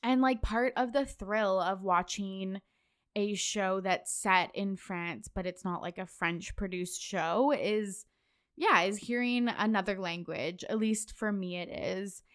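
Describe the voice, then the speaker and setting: A woman's voice: mid-range voice, slow, clear, resonant tone. A woman in her twenties hosting a casual solo podcast, chatty and loose, with lots of fillers and sudden laughs. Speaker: podcast host.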